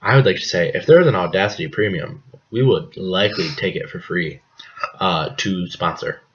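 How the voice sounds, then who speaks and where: Young midwest guy, real low voice, goofy deadpan podcast banter, dull home mic w faint hiss. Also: normal speed. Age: young adult. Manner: joking, rambling, deadpan asides. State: coughing now and then. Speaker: podcast co-host. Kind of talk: casual chat. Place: apartment living room.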